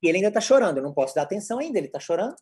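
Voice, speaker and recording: A Brazilian-accented man delivers a lecture with a lively, swinging pitch. He teaches in clear steps and often poses a question before answering it himself, in the manner of a psychologist walking an audience through practical cases. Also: racing, loud music behind the voice. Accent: Brazilian Portuguese. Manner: didactic, asks and answers own rhetorical questions.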